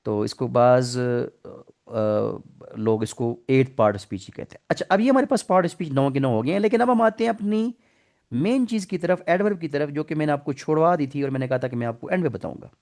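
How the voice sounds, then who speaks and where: A man's voice: medium pitch, animated, fairly quick, a little mellow. A middle-aged man with a Pakistani Urdu accent, lecturing an online English class, patiently explaining grammar and asking the students questions. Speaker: English teacher.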